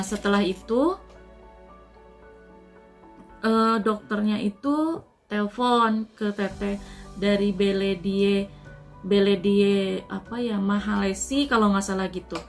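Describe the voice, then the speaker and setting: A woman from Indonesia talks through a personal story in an earnest, unhurried way, her phrases often tapering off softly. Her voice sits at an ordinary middle pitch. Faint music plays underneath. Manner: soft, earnest, often trailing off with "gitu". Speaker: Indonesian migrant worker sharing her COVID recovery. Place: at home.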